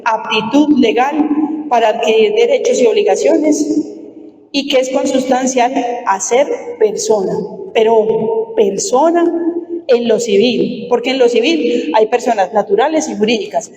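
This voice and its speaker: Colombian woman lawyer, mellow lecturing voice, emphatic, distant roomy hall sound. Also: fairly high pitch, measured pace. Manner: emphatic, asks the audience questions. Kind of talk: lecture to a live audience.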